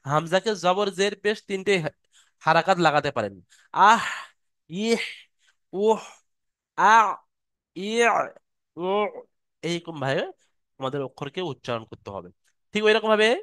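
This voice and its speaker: A man with a high, smooth voice teaches an online recitation class and patiently sounds out letters again and again. The sound is dry and close, with no room around it, as if picked up by a computer mic on a video call. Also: lively intonation, fairly bright tone, no echo. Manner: patient, demonstrates sounds slowly and repeatedly.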